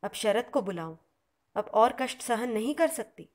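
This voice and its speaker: A woman voicing an elderly holy mother, gentle and affectionate, speaking in a soft, tender, reassuring way. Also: on the high side, lively intonation, moderate pace, lightly acted.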